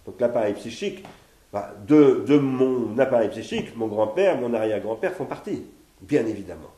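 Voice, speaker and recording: A Frenchman in his sixties leads a philosophy seminar from his living room, partly reading from notes and reasoning aloud in a searching way, frequently restarting and repeating words. His mid-range voice is expressive and dark-toned at a moderate pace. A fixed camera at medium distance captures him in an echoey room.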